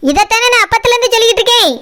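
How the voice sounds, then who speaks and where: Brief: very high-pitched, mocking, stubborn cartoon owner, Kanyakumari Tamil. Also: female voice, rapid-fire. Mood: grumbling. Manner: grumbling, argumentative, mocking. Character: stubborn, quarrelsome shop owner woman learning English. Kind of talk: cartoon voice acting. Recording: loud background noise.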